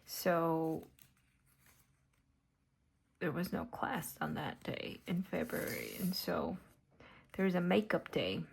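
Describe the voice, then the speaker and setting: A sleepy woman chatting casually and softly while crafting at her table, often half-whispering and yawning. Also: lowish voice, big pitch swings, slow pace, gravelly, pauses often, breathy edge. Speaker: mixed media art vlogger.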